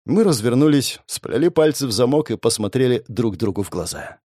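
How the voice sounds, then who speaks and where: A man narrating a first-person story in an expressive, sardonic way. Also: mid-range voice, a little fast, dry recording, studio quality. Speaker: audiobook narrator.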